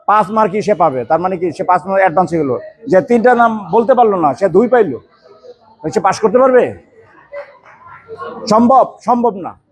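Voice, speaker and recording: A man teaching a karate class. He calls out stance names loudly, quizzes his students, and coaches them firmly. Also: sits high, expressive, moderate pace, pauses often, slightly rough. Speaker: karate instructor. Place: karate training hall.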